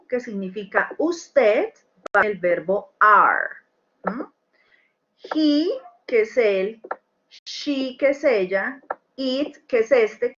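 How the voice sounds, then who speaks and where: Slow, patient teacher. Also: female voice, on the high side, fairly bright tone. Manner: patient, checks understanding with tag questions. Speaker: English teacher. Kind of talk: recorded screen-share lesson. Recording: dull lo-fi with faint noise.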